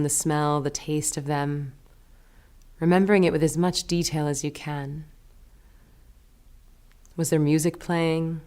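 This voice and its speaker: This meditation teacher's voice sits low and smooth. She offers soft, leisurely instructions, leaving pauses between her phrases.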